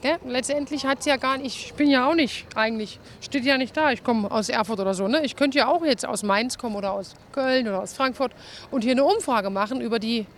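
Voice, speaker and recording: A woman reporter doing chatty vox pop interviews on a city street for regional TV, bubbly and quick to laugh. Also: fairly high pitch. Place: city street outdoors with trams. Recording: faint street noise outdoors.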